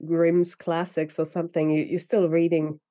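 Here the same Finnish author guest has a lowish, dark voice that barely moves in pitch, speaking at a normal speed in a dry recording. Her interview chat is loose and rambling, full of fillers, restarts and frequent laughter; Finnish is her first language.

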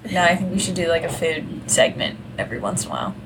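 A woman co-hosting a podcast in casual, slangy, joking conversation. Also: on the low side. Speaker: podcast co-host. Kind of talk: casual chat. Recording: clearly noisy room recording.

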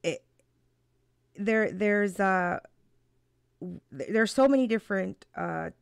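A woman co-hosting a live-stream talk, chatting casually, animated and laughing often, with many restarts. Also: medium pitch, slow, gravelly, smooth, no room sound, studio quality.

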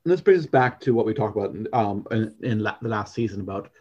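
A man co-hosting a podcast, talking in a loose, rambling way, full of "um" and restarts. His voice is mellow and dark. The recording sounds dull and lo-fi. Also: lowish voice, expressive, fast talker. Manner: rambling, with many fillers and restarts. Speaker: podcast co-host. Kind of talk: casual chat.

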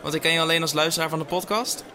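A tired man hosts a comedic solo podcast into a microphone, rambling at a racing pace with stammered restarts and frequent swearing. His fairly high voice keeps a steady tone over crowd noise, and he constantly interrupts himself.

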